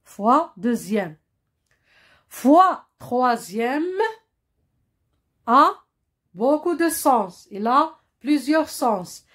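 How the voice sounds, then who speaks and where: Woman, primary teacher, slightly high voice, slow and patient, lots of repetition. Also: animated, fairly bright tone. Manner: patient, repeats words, checks with "hein?" and "compris?". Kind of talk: slow classroom explanation.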